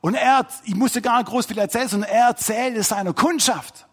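A male pastor preaching a sermon, telling a story in a lively, colloquial way. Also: very high voice, a little fast, husky.

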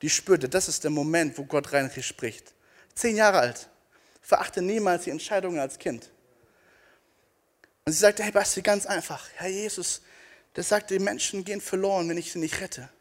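Ein junger Mann predigt energisch auf einer Bühne vor Publikum und stellt dem Publikum eindringlich rhetorische Fragen. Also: male voice, high voice, moderate pace, long pauses. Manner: emphatic, rhetorical questions to the audience. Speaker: preacher. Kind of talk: energetic youth sermon. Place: stage before a live audience.

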